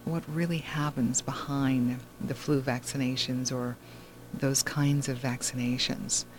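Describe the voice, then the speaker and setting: A woman's voice: rumbling low, a little mellow, a little hiss or hum. A woman hosting a talk show, telling a long story in a rambling way with many fillers and restarts. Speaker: host.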